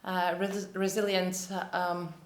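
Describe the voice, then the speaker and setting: A woman from Latvia in her thirties, answering interview questions and pausing often to search for words. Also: lowish voice, flat delivery, slight background noise. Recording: echoey room.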